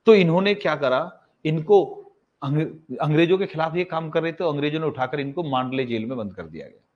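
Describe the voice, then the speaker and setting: A man whose voice sits on the high side, with lively intonation and a slightly fast delivery, teaches exam-prep history in a casual style. He calls his students "bhai," answers his own question, and goes over the key facts again. The recording has a slightly dull, lo-fi quality.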